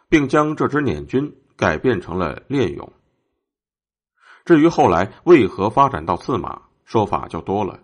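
Low-voiced man telling history. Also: a bit bright. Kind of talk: scripted history storytelling.

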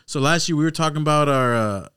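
A man's voice: fairly high pitch, quick pace, fairly bright tone, smooth, dry recording, clean studio sound. A young man in casual podcast chat with his friends, talking like a cocky frat bro full of slang. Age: young adult. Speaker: podcast host.

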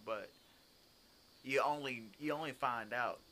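A man's voice: medium pitch, measured pace, bright, forceful tone, a little hiss or hum. A man co-hosting a casual podcast, trading profane, enthusiastic banter.

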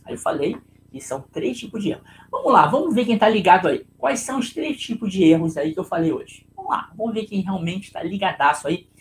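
A man's voice: sits high, animated, fairly quick, slight background noise, poor audio. A man with a Brazilian Portuguese accent giving a conversational leadership talk on a live stream, telling a personal story and checking in with listeners through frequent tag questions.

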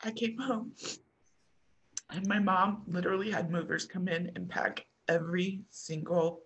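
A middle-aged American woman telling a personal story as a podcast guest, halting and restarting often with soft trailing pauses. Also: on the low side, steady tone, slightly rough, dull audio. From United States.

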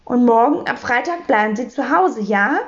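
A fussy, indignant landlady from a storybook, scolding in a high, swooping voice that leaps up and down, as a woman reading aloud puts her on. The recording is muffled and lo-fi. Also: lively intonation, normal speed, close to an everyday voice. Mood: coaxing. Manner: shrill, scolding, bossy.

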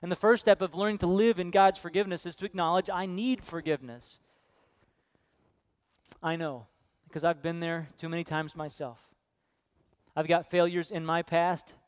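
A man preaching a sermon to his congregation, earnest and direct, telling stories with hushed quoted voices. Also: a little high, steady tone, normal speed, long pauses, clean tone, no room sound, studio quality. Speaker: pastor. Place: church sanctuary.

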